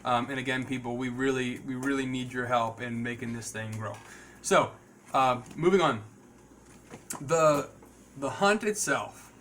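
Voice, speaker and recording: A man with a medium-pitched voice hosts a casual podcast. He talks to viewers without a script, in a halting, rambling way with doubled-back words. Clear ambient noise runs behind him. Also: a bit bright. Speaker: podcast host. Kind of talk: casual, unscripted talk to viewers.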